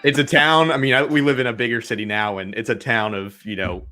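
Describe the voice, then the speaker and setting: A man's voice: medium pitch, steady tone, fairly quick, bright, forceful tone. A man from Oklahoma, a guest on an interview show, answering in an easygoing way and laughing along. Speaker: guest, marketing consultant.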